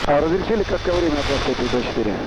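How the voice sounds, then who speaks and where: A man's voice: on the high side, animated. A man, a pilot, calling ground control over a two-way aircraft radio in clipped procedure talk, hesitating with "uh" between phrases. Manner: hesitant, fills pauses with "uh". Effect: two-way aircraft radio transmission. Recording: muffled noisy radio channel. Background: loud engine and static noise.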